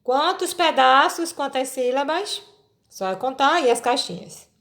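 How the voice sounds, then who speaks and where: A woman teacher with a Brazilian Portuguese accent, patiently explaining a children's worksheet and sounding out syllables slowly. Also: high voice, a bit bright.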